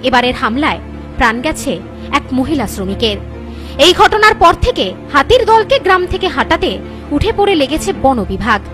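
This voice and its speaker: A woman's voice: high-pitched, sing-song, normal speed, music in the background. A young woman with an Indian Bengali accent reading scripted news as a presenter.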